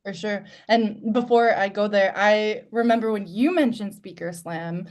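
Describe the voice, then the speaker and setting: A woman guest talking earnestly and reflectively in a candid live-stream conversation, her loudness rising and falling. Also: medium pitch, a little slow.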